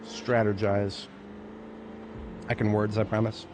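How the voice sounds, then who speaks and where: A streamer offers casual, rambling let's-play commentary on a game, tossing in playful, self-mocking remarks. His fairly low voice keeps a steady tone at a brisk pace, against a noisy background.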